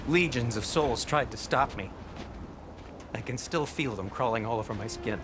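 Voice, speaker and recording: An actor playing an anxious, squeamish dwarf blacksmith in a video game, fretful, hesitant and expressive. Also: male voice, mid-range voice, moderate pace, background noise, natural voice. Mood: confessional, guilty. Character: fussy, anxious male dwarf blacksmith, squeamish and guilt-ridden. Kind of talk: video game dramatic acting.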